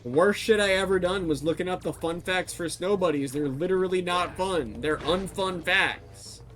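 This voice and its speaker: A man streaming a game with a friend, talking in a dry, deadpan way and swearing casually. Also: sits high, normal speed. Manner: deadpan, self-deprecating, swears. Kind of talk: casual chat.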